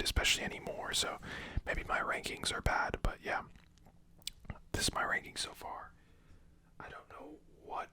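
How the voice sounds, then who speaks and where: Bright, whispering casual ASMR host. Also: very high-pitched, no room sound. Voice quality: whispering, mostly unvoiced. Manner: casual, informal, slangy. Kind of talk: whispered ASMR, ranking commentary.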